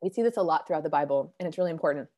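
A woman with a fairly low voice gives a devotional Bible teaching. She talks earnestly and casually, as if to friends. Her voice is a bit hoarse as it recovers, and she clears her throat now and then. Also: expressive, rapid-fire, background noise.

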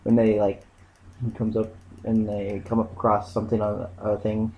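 Male, casual co-host, low gravelly voice, halting and full of ums. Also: monotone, warm tone, a little hiss or hum, rough recording. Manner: rambling, halting, lots of ums. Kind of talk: casual chat.

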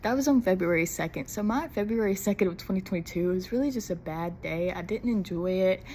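Nervous and giggly, a young woman from Mississippi rambles through the first episode of her solo podcast in casual chat. Her mid-range voice runs a little fast with a darkish tone, over slight background noise.

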